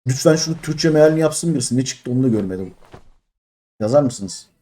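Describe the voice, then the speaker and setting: A Turkish man in his thirties live-streams a mobile game, complaining in exasperation as he opens crates. He talks fairly quickly with lively intonation, jumping between loud, high outbursts and low mutters.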